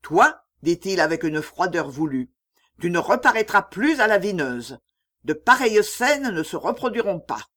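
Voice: mid-range voice, very animated, measured pace. A reader voicing a stern, domineering old uncle who gives clipped orders in a read-aloud story.

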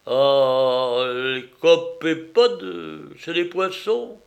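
Man voicing a hungry, excitable gourmand. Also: on the high side, drawn-out words, vocal fry, exaggerated voice. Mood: astonished. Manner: exclaiming, eager questions. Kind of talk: audiobook character reading.

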